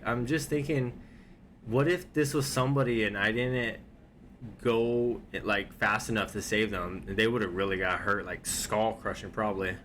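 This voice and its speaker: A man's voice: lowish voice, a bit bright, slight background noise. A man at home giving casual, rambling reaction commentary on videos, loose and laid-back, with lots of filler words.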